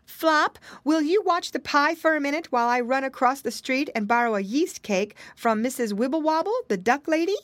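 A kind, doting pig mama from a children's storybook, played by a woman reader. She speaks sweetly and sits well above the narrator's own pitch. The recording is dry and close. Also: lively intonation, normal speed, few pauses, no room sound. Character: pig mother, kind and warm.

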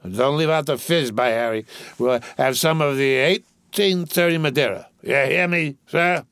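A man's voice: on the low side, animated, slow, vocal fry, dry recording, clean studio sound, pitched below the performer's own voice, exaggerated voice. A man voicing a drunken, boastful rich young man who slurs, rambles and keeps breaking into laughter. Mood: drunk giggly.

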